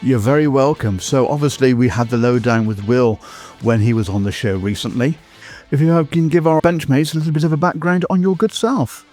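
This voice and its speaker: A man's voice: medium pitch, brisk, darkish tone, faint music behind. A man hosting a hobby podcast in an upbeat, chatty way. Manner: chatty and enthusiastic. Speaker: podcast host.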